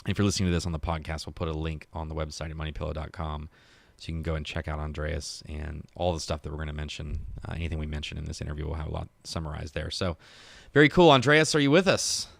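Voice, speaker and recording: A man hosting a podcast with an upbeat, joking way of talking. His voice sits low, and the sound is close and dry with no room echo. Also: completely flat delivery, fast, creaky. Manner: upbeat, joking, loose with fillers. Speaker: podcast host. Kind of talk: casual interview intro.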